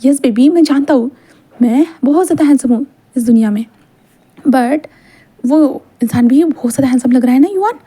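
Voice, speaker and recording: A gentle young cafe-owner dad, soft-spoken and doting, flustered when teased, as a woman storyteller puts him on. The voice sits fairly high and sounds mellow and warm. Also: a little fast, husky. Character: gentle young father who runs a cafe.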